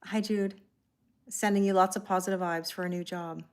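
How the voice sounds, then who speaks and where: Hosting a tarot live stream, a Canadian woman, probably thirtyish, speaks at normal speed with a medium pitch and steady tone. She greets her viewers by name, chats casually with them and laughs a lot.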